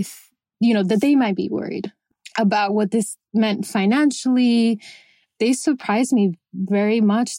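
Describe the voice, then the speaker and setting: A woman's voice: mid-range voice, dark tone, dry recording. Young woman from venezuela, grew up in miami, talks thoughtfully, slips in spanish words, dry recording. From Venezuela, raised in Miami. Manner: reflective, mixes in Spanish words. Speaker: bookstore founder. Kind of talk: personal interview testimony.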